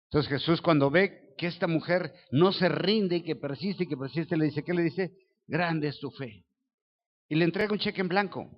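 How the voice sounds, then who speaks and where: A man's voice: on the high side, brisk, hardly any pauses, big-room sound, dull audio. A Mexican man preaching a sermon as pastor, telling the story vividly, acting out voices and asking the listeners questions. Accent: Mexican Spanish. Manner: lively storytelling, acts out dialogue voices, asks the audience questions.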